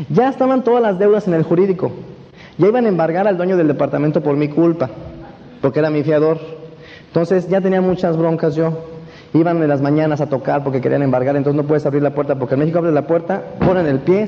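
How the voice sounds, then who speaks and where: A man with a Mexican accent giving an animated personal testimony to a seminar audience, often checking that they follow him. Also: a little high. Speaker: motivational speaker at a network marketing event. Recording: dull echoey hall recording with faint hiss.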